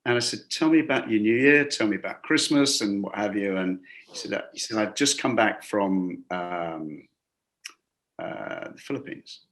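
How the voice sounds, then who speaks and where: A hospitality business coach who lives and works in a Gulf city appears as an interview guest, rambling through workplace stories with many restarts and acted-out quotes. His voice is lowish and fairly bright, at moderate pace, on a rough recording.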